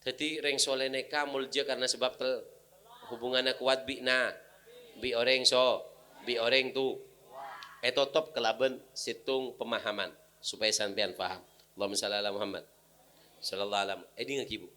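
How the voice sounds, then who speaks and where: A man with a Madurese accent giving a humorous sermon, animated, with sudden loud outbursts. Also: medium pitch, a little fast. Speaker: preacher.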